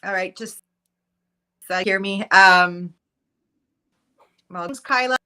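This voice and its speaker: A woman's voice: medium pitch, takes it slowly, bright, forceful tone, smooth. A dog trainer joining a live stream by video call, her voice distant and her audio repeatedly cutting out as she asks whether she can be heard. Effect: audio dropping out on a video call.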